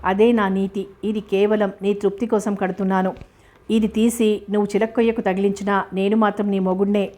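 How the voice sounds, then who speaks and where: Woman reads a teasing, tender young suitor, even and steady, for a storybook audio novel. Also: medium pitch, a little fast, close to an everyday voice. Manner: playful, teasing. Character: teasing affectionate young man, a writer.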